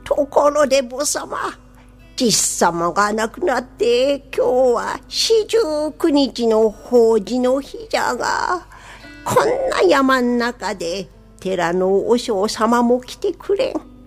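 A woman voices a hospitable old countrywoman in a folktale radio drama. She speaks slowly and a little high, in rustic, old-fashioned phrasing. Soft background music plays. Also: lively intonation, heavily acted. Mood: kindly.

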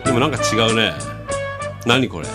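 A man doing comedic banter with an AI assistant, firing off rough, exasperated retorts. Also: on the low side, animated, brisk, loud music behind the voice.

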